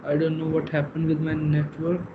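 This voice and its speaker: A man's voice: a little high, completely flat delivery, moderate pace. A man presenting an online session hesitantly, his voice broken up by fuzzy network distortion on the call. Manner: hesitant, many fillers and restarts. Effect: fuzzy network distortion on the call audio. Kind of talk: informal webinar presentation. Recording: dull lo-fi online call, faint noise.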